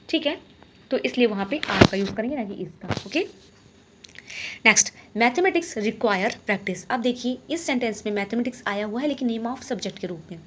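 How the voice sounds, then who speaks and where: A woman teaching an exam-prep grammar lesson. She reads each sentence slowly, then explains it quickly and checks with "ok?". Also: a little high, background noise.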